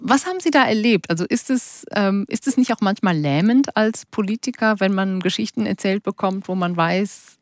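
A woman's voice: mid-range voice, moderate pace, no echo. Woman interviewer, close and dry. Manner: conversational, hesitant fillers. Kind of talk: interview questions.

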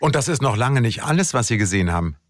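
Male radio presenter, animated pitch, upbeat live call-in chat, dry studio sound, soft music underneath. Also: quick pace, no room sound. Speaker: radio host. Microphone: studio microphone.

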